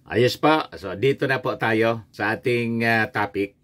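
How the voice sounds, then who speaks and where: A man's voice: medium pitch, a little slow, fairly bright tone. A middle-aged man hosting a vlog, chatting about the news and telling jokes in a casual way that often breaks into laughter. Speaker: vlog host.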